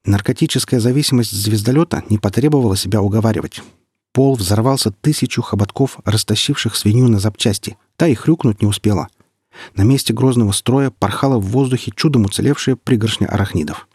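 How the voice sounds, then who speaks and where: A man narrating a humorous audiobook in a deadpan, mock-serious manner. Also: fairly low pitch, fairly quick, breathy edge, dry recording.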